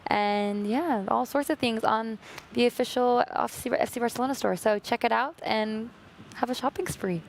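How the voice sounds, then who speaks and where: A woman's voice: fairly high pitch, normal speed, creaky. Chatty woman co-host, faint noise. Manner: chatty, laughs easily. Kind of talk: live match chat.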